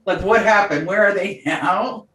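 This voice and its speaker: A woman's voice: mid-range voice, a little slow. A woman co-hosting a podcast, chatting casually and telling a story with frequent laughter. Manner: animated storyteller, laughs often. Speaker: podcast co-host. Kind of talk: casual chat. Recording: roomy, distant mic.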